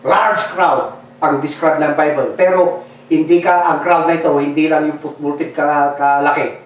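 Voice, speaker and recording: A man's voice: on the high side, steady tone, moderate pace. A man preaching a fervent bilingual sermon and calling for amens from the congregation. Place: church hall. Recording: echoey church from far off.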